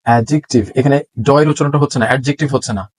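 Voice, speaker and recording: A man teaching English pronunciation in a lesson, saying each word slowly and clearly twice so learners can repeat it. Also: medium pitch, a little mellow, rough recording. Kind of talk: spoken language lesson.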